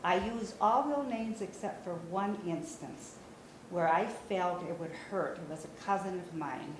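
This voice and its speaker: A Brazilian woman in her sixties, a native Portuguese speaker with a lowish voice, gives an informal talk about writing her memoir to a small group indoors in a small meeting room. She is conversational, gestures as she talks, and pauses often with "uh." A distant camera mic picks up roomy echo and faint room noise.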